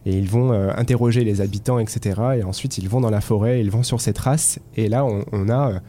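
A French podcast host leads a film podcast, introducing topics in a lowish, fairly quick voice. He is lively but hesitant at times, and a little hiss or hum can be heard.

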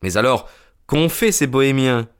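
A man playing the detective's companion, narrating the story in a steady, measured way for an audio drama. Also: mid-range voice, clear, resonant tone, close to an everyday voice. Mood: doubtful. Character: sober male companion narrating the case.

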